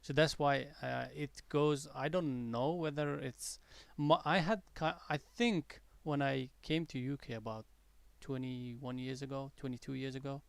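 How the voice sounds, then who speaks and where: Stream host, male, mixed American and British accent, gravelly voice, dry close sound, rambling and chatty. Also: medium pitch, steady tone, a little slow, hardly any pauses, no echo. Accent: mixed accent, partly American-tinged English learned abroad, softened by years in the UK. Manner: chatty and rambling, with many fillers and restarts. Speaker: day-trading livestream host. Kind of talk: casual live trading commentary.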